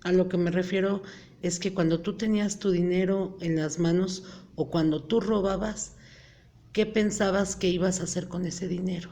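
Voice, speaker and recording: A woman interviewer asking calm, probing questions. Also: lowish voice, normal speed.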